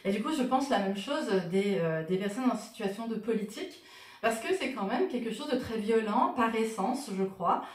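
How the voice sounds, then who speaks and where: A woman's voice: on the high side, expressive, moderate pace, roomy sound, distant mic. A woman talking to camera about her own T-shirts, casual and wry, with plenty of fillers. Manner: wry, joking, many fillers. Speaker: vlogger showing her T-shirts.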